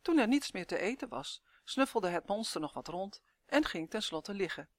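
A woman narrating a children's storybook in a clear, even, expressive reading voice. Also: medium pitch, normal speed, no echo, clean studio sound.

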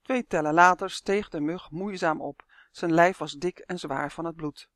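A narrator reading a children's fantasy story aloud in a lively, expressive storytelling manner. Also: mid-range voice, moderate pace, no echo, studio quality. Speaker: audiobook narrator.

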